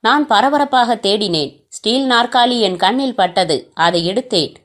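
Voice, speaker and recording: A woman's voice: fairly high pitch, a little slow. Woman reading a novel aloud. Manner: steady storytelling with voiced dialogue. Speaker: narrator.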